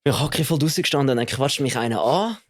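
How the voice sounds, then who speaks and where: A Swiss German man talks quickly on a casual podcast. His stories are animated and slangy. His pitch sits in the middle of the male range. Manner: animated, slangy storyteller, says "Alter" a lot. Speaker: podcast co-host.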